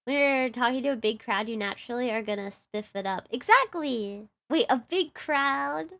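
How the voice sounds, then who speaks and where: A woman's voice: fairly high pitch, expressive, normal speed, vocal fry, a bit bright. A young woman with a Texan accent, chatting casually on a live stream in a bubbly, giggly, rambling way. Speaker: livestreamer and VTuber.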